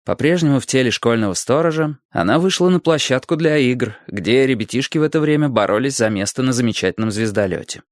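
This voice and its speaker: A man reading a children's adventure story aloud in a steady, even storytelling manner. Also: mid-range voice, fast talker, hardly any pauses, no room sound, studio quality. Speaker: audiobook narrator. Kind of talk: scripted narration.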